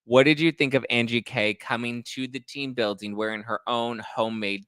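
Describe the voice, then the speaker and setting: A man's voice: medium pitch, fairly even intonation, normal speed, a bit bright, clean tone, dry recording, clean studio sound. A man hosting a pop culture podcast in an upbeat, teasing, gossipy chat. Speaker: podcast host. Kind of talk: casual chat.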